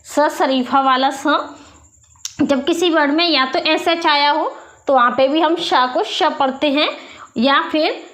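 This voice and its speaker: A woman's voice: sits high, fairly bright tone. A woman teaching English pronunciation with a Hindi accent, patiently explaining rules and repeating questions to the class.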